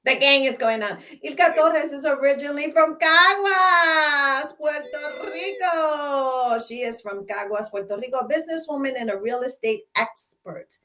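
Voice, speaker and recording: A woman's voice: high-pitched, takes it slowly, hardly any pauses, sharp tone, recorded from a distance. Playful bilingual woman talk show host. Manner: switches between Spanish and English, playful and emphatic.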